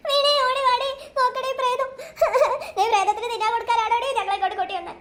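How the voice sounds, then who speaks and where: Performer as a very high-pitched frightened cartoon woman, bright voice, echoey room. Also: level tone, quick pace. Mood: panicked. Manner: panicky, pleading, dramatic wailing. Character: frightened young woman fleeing ghosts.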